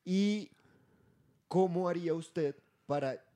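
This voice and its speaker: Animated Colombian man telling stories. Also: high-pitched, takes it slowly. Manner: animated storyteller, laughs at his own tales. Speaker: podcast co-host. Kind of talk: casual chat.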